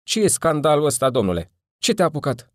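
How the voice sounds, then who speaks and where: A man voicing an irritated, hoarse neighbor woken in the night. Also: a little high, lively intonation, no echo, clean studio sound, voice pushed up.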